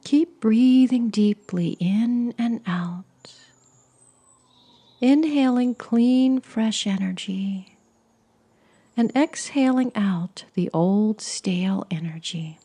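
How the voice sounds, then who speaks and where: A woman leading a guided meditation in a soft, soothing, breathy voice that often sinks close to a whisper. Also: a little high, slow pace. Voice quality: breathy, husky.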